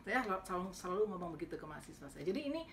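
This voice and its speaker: A middle-aged woman lecturer, telling a story to her students in a casual, animated way and acting out the dialogue with sudden pitch jumps. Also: racing, a little hiss or hum. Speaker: university lecturer.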